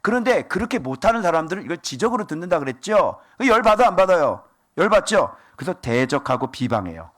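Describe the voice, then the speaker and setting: A man preaching a sermon as pastor, animated and asking the congregation rhetorical questions. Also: sits high, fairly quick, few pauses.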